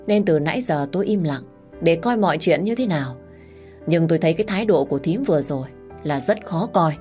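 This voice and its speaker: A woman's voice: on the low side, a little mellow, close to an everyday voice. Woman playing a self-righteous man of the house, reproachful and lecturing. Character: stern older brother-in-law, man, self-righteous.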